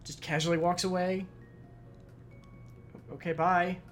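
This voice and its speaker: A man's voice: high voice, little pitch movement, unhurried, a bit bright. A man hosting a let's play, chatting casually and rambling, with occasional swearing while he reads game text aloud. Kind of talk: casual gameplay commentary. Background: game music.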